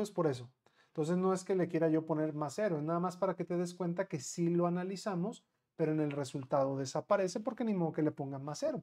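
Mellow-voiced Mexican math teacher. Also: male voice, on the high side. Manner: chatty, asks the class many quick questions; counts out steps slowly. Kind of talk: live online math class.

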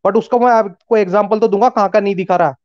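A man's voice: high voice, steady tone, no room sound, muffled recording. A man arguing pushily and interrupting in a heated panel debate. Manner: rapid, pushy, interrupting.

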